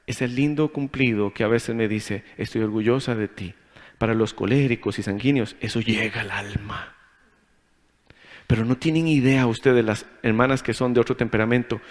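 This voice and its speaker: A male pastor preaching a humorous marriage sermon, telling stories and acting out both sides of arguments with animated energy. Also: medium pitch, long reverb tail.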